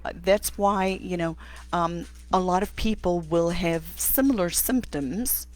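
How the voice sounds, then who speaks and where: A middle-aged woman from Africa, an occupational therapist hosting a live stream and answering viewer questions, thinking aloud with many pauses and restarts. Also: lowish voice, darkish tone. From South Africa. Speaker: host.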